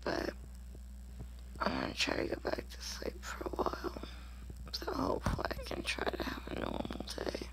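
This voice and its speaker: Still in bed, a groggy young woman in pain whispers her video diary to a phone front camera at arm's length. The vlogger's tired, mostly unvoiced whisper moves at a moderate pace with a fairly bright tone, and the audio quality is poor.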